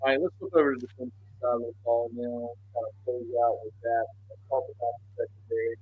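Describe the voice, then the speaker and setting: A man's voice: medium pitch, level tone, quick pace. A man co-hosting a casual sports podcast over a remote call, his voice muffled and hollow as if he were inside a fishbowl. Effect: muffled, hollow sound as if inside a fishbowl. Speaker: podcast co-host. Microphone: remote call microphone. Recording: muffled lo-fi call with faint hiss.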